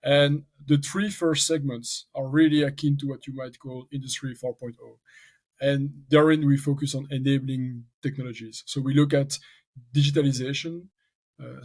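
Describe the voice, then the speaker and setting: A talkative man from French-speaking Belgium, a venture capital founder, appears as a guest on a casual podcast interview, thinking aloud and restarting his sentences. His voice is mid-range and darkish, with little pitch movement, at a normal speed and with a strong French accent.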